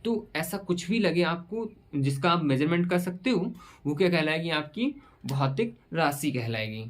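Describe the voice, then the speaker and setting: A man teaching a physics lesson at a whiteboard, asking questions and answering them himself, repeating key terms slowly. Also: on the high side, animated. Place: room with a whiteboard.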